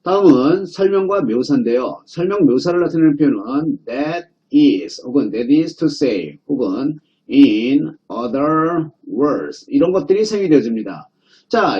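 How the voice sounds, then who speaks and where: Mellow lo-fi male lecturer quizzing himself. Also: medium pitch. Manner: asks rhetorical questions and answers them himself. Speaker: English teacher. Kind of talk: recorded exam-prep lecture.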